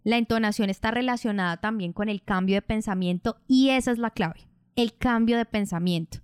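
Clear-voiced woman teaching calmly. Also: fairly high pitch, dry recording, clean studio sound. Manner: calm, measured, explanatory. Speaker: podcast host and public-speaking coach. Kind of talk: instructional podcast narration.

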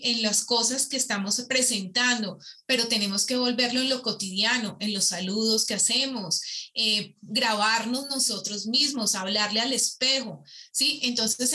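A woman's voice: on the high side, sharp tone. A woman, a voice and speech coach answering interview questions and demonstrating vocal exercises aloud.

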